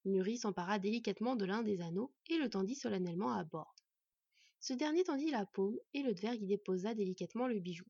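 A woman narrating a fantasy audiobook in an even, measured reading. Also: mid-range voice, breathy edge, dry recording, muffled recording.

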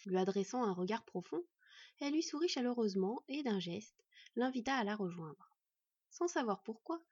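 A woman reading a fantasy storybook aloud in measured, gentle narration. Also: a little high, breathy edge, no room sound, dull audio. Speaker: audiobook narrator.

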